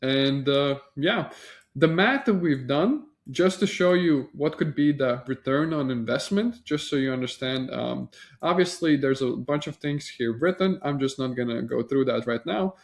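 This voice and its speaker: A man from Latvia with a slight Latvian accent, giving a casual sales pitch as an agency founder, talking loosely with fillers and restarts. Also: expressive, moderate pace. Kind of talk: sales pitch walking through slides.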